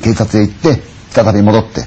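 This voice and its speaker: A man's voice: lowish voice, steady tone, brisk, mellow, breathy edge. A man telling a ghost story dramatically, full of sound effects and acted-out voices.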